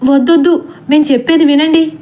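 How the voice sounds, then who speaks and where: A woman's voice: on the high side, steady tone, moderate pace, dark tone, lightly acted. A woman voicing a timid middle-aged man who frets and talks fearfully in a storybook reading. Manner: stammering, fretful.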